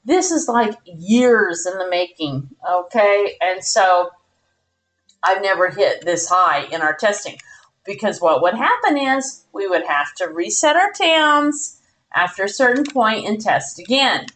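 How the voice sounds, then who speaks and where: A woman commentating her own live game stream in a bubbly, excitable way, squealing when she wins. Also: mid-range voice, a little slow, a little hiss or hum.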